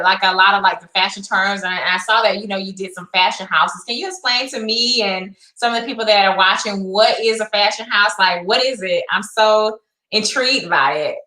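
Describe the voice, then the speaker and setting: Bright, echoey woman host. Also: medium pitch, normal speed. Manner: chatty, curious, many likes. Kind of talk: casual live-stream interview.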